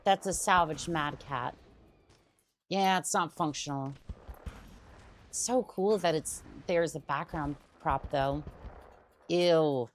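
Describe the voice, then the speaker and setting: A woman's voice: sits low, slow pace, pauses often, a little hiss or hum. A young adult woman streamer chatting casually while playing a game, rambling and often restarting her sentences. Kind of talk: casual gaming stream chat.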